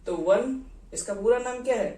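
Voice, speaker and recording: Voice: mid-range voice, animated, normal speed, mellow. A chemistry teacher gives a classroom lecture, quizzing students and counting out carbon atoms one by one. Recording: echoey room, distant mic, faint noise.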